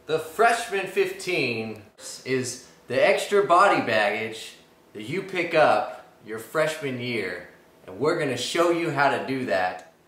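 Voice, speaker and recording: Young man, deadpan jokes, lively voice, echoey kitchen, faint music behind. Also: medium pitch, slow pace. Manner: jokey, deadpan one-liners. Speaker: comedy cooking show co-host. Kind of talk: goofy sketch comedy. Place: home kitchen. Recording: echoey kitchen on a camera mic.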